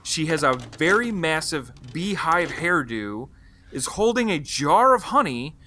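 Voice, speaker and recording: A man's voice: on the high side, big pitch swings, a little slow, sharp tone. A man co-hosting a film review show, chatting casually with emphatic, comic commentary and some swearing. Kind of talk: casual comic movie recap chat.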